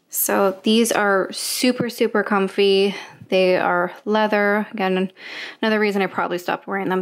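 A young woman from Canada chatting casually through a home organizing vlog, with frequent ums and little laughs. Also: medium pitch. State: out of breath. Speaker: lifestyle vlogger. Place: home closet and bedroom.

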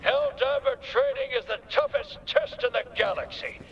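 An actor playing a pompous, gung-ho military drill instructor in a video game tutorial, theatrical and full of exclamations. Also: male voice, very high voice, normal speed, dull audio, a little hiss or hum. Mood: gung-ho praise. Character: bombastic gung-ho male military drill instructor, flattering recruits. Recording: game audio with loud music behind.

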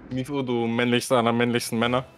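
A man's voice: medium pitch, monotone, quick pace, slight background noise. Young male gamer joking with friends. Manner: joking crude banter with laughs. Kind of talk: casual gaming chat with friends.

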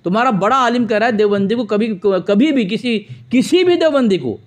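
Combative high-voiced man in heated debate. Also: lively intonation, moderate pace. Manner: combative, repetitive, interrupting, mocking. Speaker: debate host on phone call. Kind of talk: heated religious phone debate.

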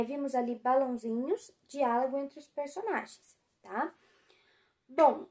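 A Brazilian woman teacher gives a calm school lesson in a high voice. She speaks slowly and patiently, drawing out words so children can follow each exercise. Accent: Brazilian Portuguese.

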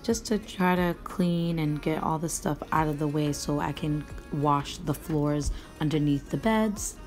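A woman, a mother of four, narrating a home cleaning vlog in a relaxed, matter-of-fact voice-over. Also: low voice, a little slow. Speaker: vlogger, mother. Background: faint music.

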